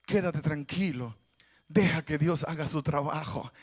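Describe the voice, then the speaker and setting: Impassioned high-voiced male preacher. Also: a little slow. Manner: impassioned preaching, swinging between loud and hushed. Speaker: pastor. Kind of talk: sermon.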